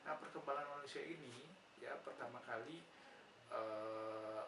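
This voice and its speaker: A man's voice: mid-range voice, measured pace. Patient male lecturer, echoey distant room. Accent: Indonesian. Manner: patient, asks rhetorical questions and answers them, frequent "ya" fillers. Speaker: nursing lecturer. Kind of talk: explanatory lecture conversation. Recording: roomy, distant mic, noisy background.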